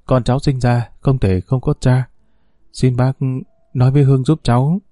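For an audiobook story, a man voices a scheming, pregnant young woman who pleads and whines, turning sharp when crossed. His medium-pitched voice moves fairly quickly in a lightly acted, pleading mood. The studio sound is clean, with no room sound.

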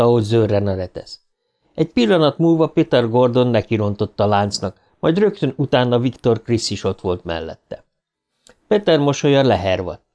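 A man reads a novel aloud as a professional audiobook narrator. His telling is expressive and dramatic, lifting in pitch as the scene grows tense. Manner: expressive dramatic reading, tension rising in pitch.

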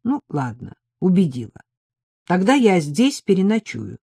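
A woman's voice: lowish voice, very animated, measured pace, vocal fry, mellow, slightly rough, dry recording, studio quality, full character voice. Woman reading as a blunt, bossy young woman. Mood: brisk. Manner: blunt, sardonic.

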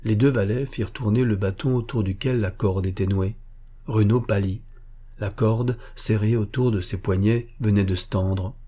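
A man narrating a historical adventure novel in a steady storytelling manner. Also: fairly low pitch, moderate pace, breathy edge. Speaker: audiobook narrator. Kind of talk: scripted narration.

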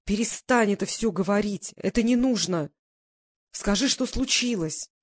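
A woman's voice: mid-range voice, a little slow, no room sound, close to an everyday voice. Woman voicing a young woman, shaken, bitter, tense, dry recording.

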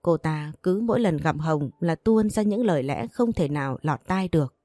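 Low, mellow woman storyteller. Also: lively intonation, moderate pace, no room sound. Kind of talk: scripted narration.

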